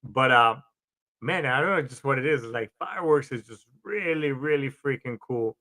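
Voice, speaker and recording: A man's voice: mid-range voice, lively intonation, normal speed, sharp tone. A man from Colombia, a Marine veteran, hosting a podcast in a rambling, casual monologue with frequent restarts and swearing.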